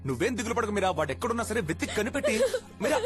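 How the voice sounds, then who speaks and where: A fawning, fast-talking suitor. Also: male voice, high voice, sing-song, music in the background. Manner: eager, fawning, rapid comic talk. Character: fawning young man courting a woman. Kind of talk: film dialogue.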